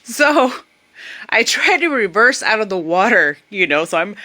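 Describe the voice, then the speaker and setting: With a medium pitch and a measured pace, a young woman shares a comic travel story on camera as a vlogger. She tells it casually and animatedly, voicing the other people in it.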